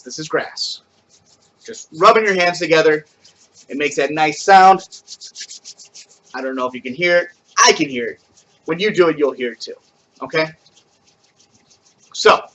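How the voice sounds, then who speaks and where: A man casually teaching a camp skit at home, explaining each step and then breaking into loud, rising call-and-response chanting. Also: a little high, dull audio.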